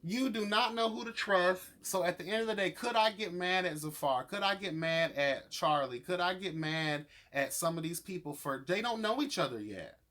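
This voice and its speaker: Reviewing a reality show for his YouTube channel, this man is sassy, slangy and emphatic, swearing freely and addressing people as honey and girl. His high, sharp-toned voice is animated, moving at a normal speed with few pauses.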